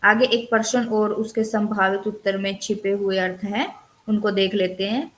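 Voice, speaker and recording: A woman's voice: mid-range voice, fairly even intonation, normal speed. A woman teacher giving an online lecture, reading from her notes and stopping to explain the terms. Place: recorded online counselling session.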